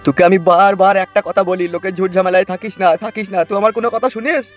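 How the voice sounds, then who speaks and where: A man's voice: high voice, fairly even intonation, racing, muffled recording, soft background music, close to an everyday voice. A man voicing a wounded, anxious cartoon father. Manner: hushing, pleading caution. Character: wounded worried father in hospital.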